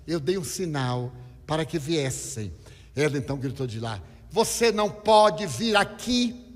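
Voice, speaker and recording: Man telling a story in a reverberant hall. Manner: acts out quoted voices, lively swings in pitch and loudness. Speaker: spiritist speaker. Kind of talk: storytelling lecture.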